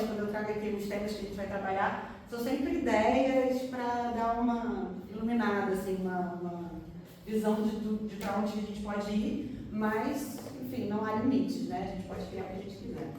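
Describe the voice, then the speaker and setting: Casting: woman, mid-pitched, hesitant club organizer, far mic in a boomy room. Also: moderate pace, darkish tone, a little hiss or hum. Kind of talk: casual presentation to a club. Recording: distant mic in echoey room.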